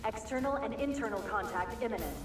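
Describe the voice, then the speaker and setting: A woman playing a female ship announcer whose calm, clipped military orders come over a loudspeaker. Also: mid-range voice, brisk. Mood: urgent orders. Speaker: ship announcer in a video game. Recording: echoey, distant loudspeaker sound. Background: loud game music.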